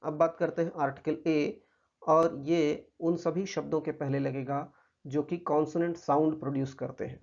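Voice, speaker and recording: A man with an Indian accent teaches a grammar lesson in a gravelly, slightly raised voice. He explains patiently and reads out English examples slowly. The recording is muffled and lo-fi. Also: fairly high pitch, steady tone, darkish tone.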